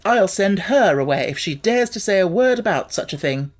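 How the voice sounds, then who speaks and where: A man's voice: high voice, lively intonation, normal speed, pitched above the performer's own voice. A man voicing a spoiled, sickly rich young boy in an audiobook, haughty and commanding. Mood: imperious.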